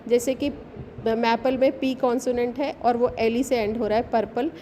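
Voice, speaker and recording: A woman's voice: on the high side, steady tone, moderate pace, warm tone, a little hiss or hum. A woman teacher, explaining a bilingual lesson step by step and often checking with "right?". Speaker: English teacher.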